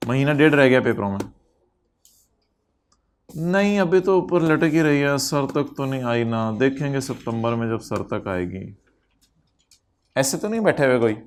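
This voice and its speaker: A man's voice: medium pitch, expressive, measured pace, long pauses, clear, resonant tone. A man lecturing an accountancy class, teasing his students and dropping English terms into his explanation. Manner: code-switches into English terms.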